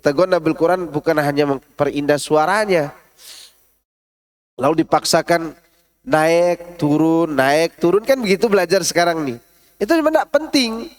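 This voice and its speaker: Male ustadz, high pitched, lecturing in a mosque hall, recites verses melodically, quizzes the crowd. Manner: explains with spoken examples and recites Arabic verses in a melodic tone; asks the audience rhetorical questions. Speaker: ustadz giving a Quran tafsir study. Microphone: stood up while speaking.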